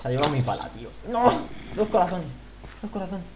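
Panicky, animated man yelling at a game. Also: high voice, fast, noisy background. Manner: panicky, exclamatory, swears. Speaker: gamer co-player. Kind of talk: casual gameplay commentary.

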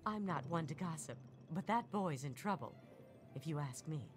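An actress playing a prim, polite, gossipy suburban American housewife in a video game. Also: female voice, deep voice, expressive, moderate pace, faint music behind. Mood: disapproving. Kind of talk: scripted video game dialogue.

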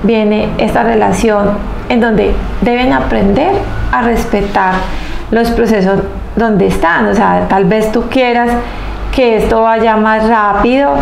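Through a clip-on lapel mic, a small room's echo and faint noise surround a woman in her thirties, a tarot reader and host, seated at a table. Her voice is heavily creaky, on the high side with fairly even intonation, and she delivers a spiritual reading earnestly in short, emphatic, paused phrases.

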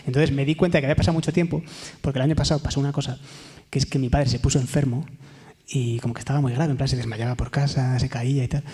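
A young man performing a live stand-up monologue, telling stories with hushed whispers and sudden loud bits. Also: mid-range voice, steady tone, rapid-fire. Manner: storytelling, swings between hushed whispers and loud sung bits. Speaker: stand-up comedian. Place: theater stage before a live audience.

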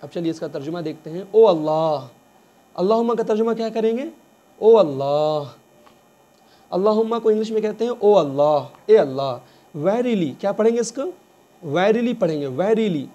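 Male English tutor, high mellow voice, slow repetitive drilling style. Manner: repeats words slowly, quizzing the listener. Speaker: English teacher. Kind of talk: slow bilingual reading lesson.

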